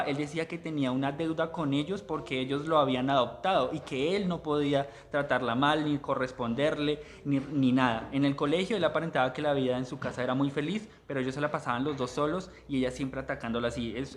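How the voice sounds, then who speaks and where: Man presenting a book, hesitant and self-correcting, mid-high voice, library talk. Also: slight background noise. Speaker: literary presenter. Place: public library.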